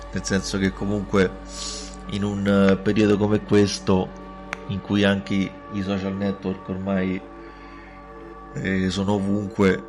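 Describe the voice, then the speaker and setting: A man hosting a podcast, talking casually with hesitant restarts, on a low-quality recording made without a proper microphone. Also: creaky. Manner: hesitant, repeats words and trails off with fillers. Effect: low-quality audio recorded without a proper microphone. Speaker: podcast host. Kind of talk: casual spoken podcast intro.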